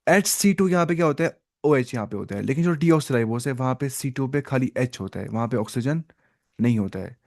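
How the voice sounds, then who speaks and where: A man teaching biology in an online lecture, mixing Hindi and English, slowly explaining and asking questions he answers himself. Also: mid-range voice, lively intonation, creaky, darkish tone. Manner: asks the class questions and answers them himself, repeats "ठीक है"; slow, stop-start explaining with fillers.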